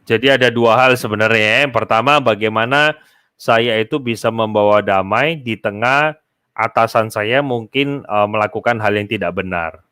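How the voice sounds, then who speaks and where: A man's voice: fairly low pitch, moderate pace, bright, forceful tone, clean tone, no echo, studio quality. A man, giving casual, explanatory advice to an audience he addresses directly. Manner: explanatory, addresses listeners as Bapak Ibu. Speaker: speaker answering a host's question.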